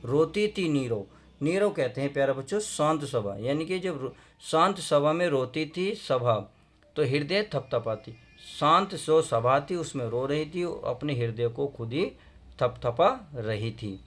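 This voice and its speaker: Guy teaching a poem to school kids, slow verse reading then easy explaining, slightly higher voice. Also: expressive. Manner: recites verse lines slowly, then explains in plain conversational Hindi; addresses students fondly, often asks if they understood. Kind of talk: explaining a Hindi poem for class 12 students.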